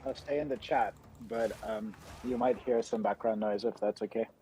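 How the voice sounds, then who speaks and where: A man hosts a livestream from home through a computer microphone, chatting casually and telling relaxed, rambling stories with a slight American accent. His voice is lowish at a normal speed, with slight background noise.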